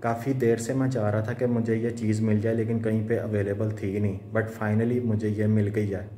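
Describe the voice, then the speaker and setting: Man, talking through a face mask, low and mellow. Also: little pitch movement, normal speed. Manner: chatty, mixes English phrases into Urdu. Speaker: vlogger. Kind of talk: casual unboxing vlog. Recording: roomy echo.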